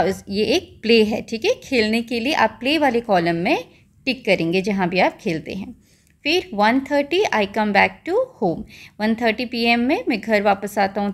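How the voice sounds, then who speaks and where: A woman teacher, reading English textbook lines slowly and explaining them to children. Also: medium pitch.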